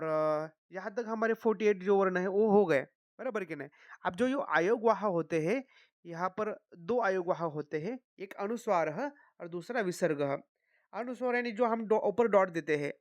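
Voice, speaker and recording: A teacher talks through a lesson in a mid-pitched, even voice. Each sound is repeated slowly, with frequent checks that the listener is following. The recording is dry and close, with no room echo. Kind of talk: explanatory lesson.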